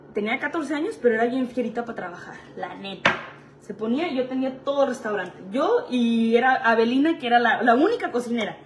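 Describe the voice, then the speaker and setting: A woman's voice: on the high side, slight background noise. A young woman with a Mexican Spanish accent telling casual stories about her past jobs, chatty and full of slang and laughing asides. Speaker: vlogger. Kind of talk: casual storytelling.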